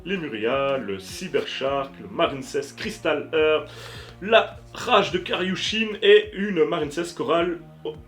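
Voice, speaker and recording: A man's voice: a little high, takes it slowly, a bit bright, faint music behind. A man casually commenting as he opens trading card packs on camera, chatty and joking, with frequent fillers and the odd crude word. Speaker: YouTuber opening card packs.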